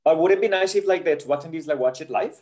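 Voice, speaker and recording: A career counsellor from Colombia presents an online webinar over a video call, talking rapid-fire in a fairly high, darkish voice. He's earnest and chatty, dotting his talk with "yeah?" and "right?"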